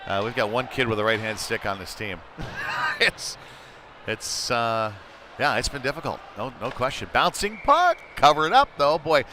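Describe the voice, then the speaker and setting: Over a noisy background, a man of medium pitch and normal speed gives loose, conversational commentary on an amateur hockey game. He gets excited as the play heats up.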